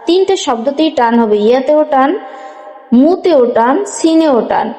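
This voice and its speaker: A woman teaching Quran reading, spelling out syllables slowly and then explaining the rules briskly. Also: high voice, expressive, dark tone. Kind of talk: slow spelled-out recitation lesson. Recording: echoey room with long reverb.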